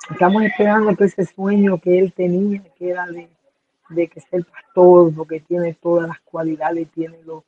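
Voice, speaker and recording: A woman from Rico, an orphanage director giving an earnest, halting personal testimony. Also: fairly low pitch. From Puerto Rico. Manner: earnest, halting, with fillers and restarts. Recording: tinny phone-like line with faint noise.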